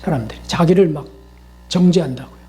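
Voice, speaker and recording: A man's voice: on the high side, fast, warm tone, faint music behind. Conversational Korean male pastor preaching. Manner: conversational, asks the congregation questions; acts out quoted voices. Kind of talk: sermon.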